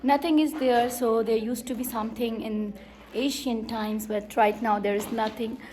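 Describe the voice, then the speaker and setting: A woman's voice: fairly high pitch, fairly even intonation, normal speed, dark tone, a little hiss or hum. Chatty upbeat woman vlogging outdoors. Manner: chatty, upbeat, lots of fillers and restarts. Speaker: travel vlogger. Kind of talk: casual travel vlog narration. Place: outdoors, walking around a hilltop castle and lake.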